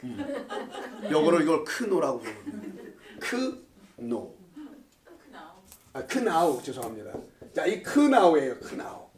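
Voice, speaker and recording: A man's voice: a little high, big pitch swings, a little slow, long pauses, a crowd in the background. A male pastor teaching a Bible study class, playful, quizzing his listeners and laughing often. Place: church classroom.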